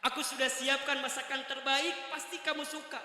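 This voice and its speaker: A man voicing a doting young wife in a coaxing falsetto. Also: level tone, normal speed, sharp tone, heavily acted. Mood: sweet coaxing. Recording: echoey hall reverb.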